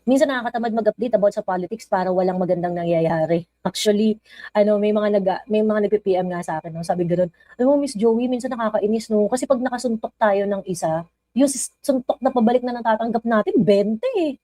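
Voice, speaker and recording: A woman's voice: mid-range voice, fairly quick, mellow, no echo, poor audio. Chatty Filipino woman livestream host. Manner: chatty, code-switching, reads viewer comments aloud. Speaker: live stream host. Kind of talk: casual live chat greeting viewers.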